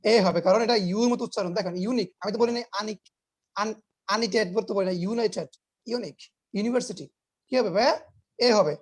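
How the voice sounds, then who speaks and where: A man's voice: high-pitched, a little fast, husky. A man teaching English grammar in an online class, explaining patiently, repeating his points, quizzing students and mixing English words into his talk.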